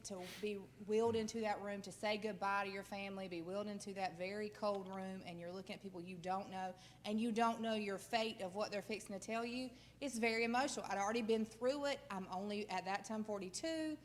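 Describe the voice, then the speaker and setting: A woman's voice: medium pitch, steady tone, brisk, few pauses, a little hiss or hum. A woman, giving a church testimony in an earnest, emotional, plain-spoken way. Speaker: church member sharing a testimony. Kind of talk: personal testimony.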